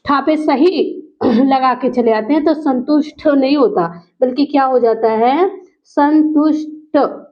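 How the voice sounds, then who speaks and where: A woman with a high voice teaches students a spoken grammar lesson, repeating each word slowly and carefully to drill its pronunciation. The recording is dull and lo-fi.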